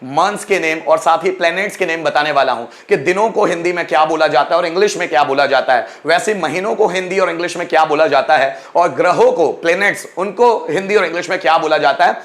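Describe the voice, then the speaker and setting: A man's voice: fairly high pitch, fast, hardly any pauses, fairly bright tone. A man with an Indian accent teaching English words in a lesson, repeating each word and quizzing the listener. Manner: asks quiz questions to the learners. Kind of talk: spoken English lesson in Hindi.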